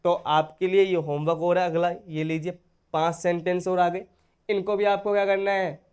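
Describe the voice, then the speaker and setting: A man's voice: sits high, a little mellow, clean tone. A man teaching an online spoken-English lesson, explaining step by step and often checking in with his dear students. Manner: addresses viewers as dear students.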